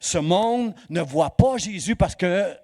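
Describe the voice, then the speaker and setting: A male pastor preaching a sermon in church, swinging between loud exhortation and hushed emphasis. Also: sits high, expressive, takes it slowly, vocal fry.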